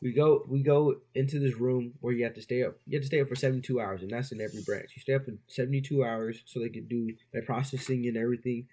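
Husky young man telling a story. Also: medium pitch, steady tone, quick pace, hardly any pauses, dark tone. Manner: loose, slangy, lots of "bro". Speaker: podcast co-host. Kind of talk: casual storytelling.

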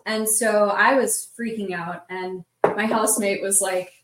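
A woman's voice: medium pitch, fairly even intonation, a little slow, fairly bright tone, recorded from a distance. A woman in a casual roundtable talk, retelling events in a vivid, breathless way with many "like" fillers. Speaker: roundtable guest. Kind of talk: casual storytelling. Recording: roomy sound from off the mic.

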